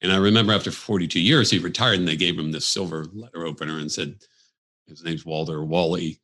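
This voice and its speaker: A man's voice: low-pitched, steady tone, fast talker, bright, forceful tone. A man in his fifties, a guest in an office interview, telling stories in a reflective way with frequent fillers. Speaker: podcast guest, entrepreneur. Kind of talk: conversational interview.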